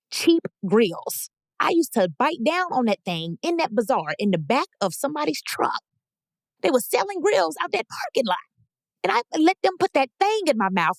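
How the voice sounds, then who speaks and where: A woman's voice: mid-range voice, no echo, studio quality. A woman, hosting her podcast in a playful, hyped, slangy solo chat. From Dallas, Texas. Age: 30s. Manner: playful, hyped self-promotion with slangy asides. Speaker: podcast host.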